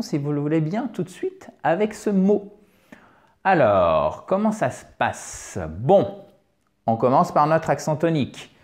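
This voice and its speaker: A man teaching English pronunciation in a lively video lesson, chatty and playful, who corrects himself as he goes and now and then teases with an exaggerated French accent. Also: on the high side.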